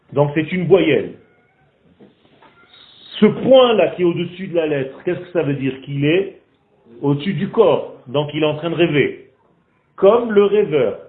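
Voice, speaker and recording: Animated teacher in an echoey room. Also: male voice, a little high. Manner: animated, asks the group questions, teasing. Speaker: Torah teacher. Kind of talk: lively classroom teaching. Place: classroom in Israel. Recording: echoey room on a tinny phone-like recording.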